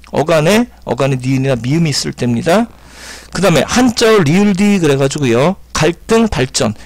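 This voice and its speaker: Man, teacher, exam-prep grammar lecture, gravelly, dry close sound. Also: fairly high pitch, no room sound. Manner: explanatory, repeats key terms, sounds words out slowly. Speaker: Korean language teacher.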